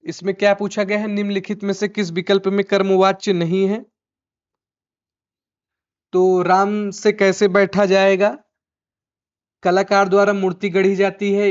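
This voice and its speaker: A man's voice: high-pitched, smooth. A male Hindi teacher going through an exam answer key, asking himself questions and repeating the answers like a drill. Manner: repeats his own questions back as drill. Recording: dull lo-fi recording.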